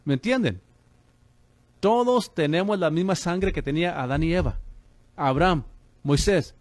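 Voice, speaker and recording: A man's voice: on the high side, dry recording. A man preaching on the radio as a pastor and host, fervent and calling listeners brother.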